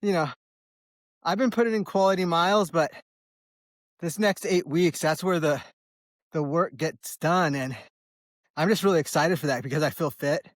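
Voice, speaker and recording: A man's voice: a little high, normal speed, long pauses, no echo, clean studio sound. An American man in his early forties chats casually and ramblingly for a vlog while running outdoors on a trail, in a laid-back, slangy way. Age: early 40s. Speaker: trail runner vlogging.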